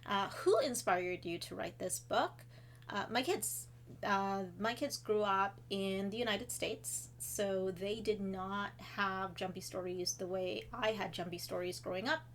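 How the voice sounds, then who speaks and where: Speaking from her home office, a Trinidadian and Tobagonian woman who writes children's books chats casually while answering kids' questions. Her mid-range voice moves at an unhurried pace, with a little background noise. She fills her talk with fillers and warm asides aimed at the children.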